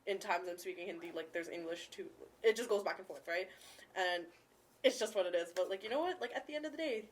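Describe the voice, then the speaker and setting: Young woman host, casual and mid-pitched. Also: quick pace. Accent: anglicized. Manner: informal, youthful slang. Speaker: show host. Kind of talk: casual chat.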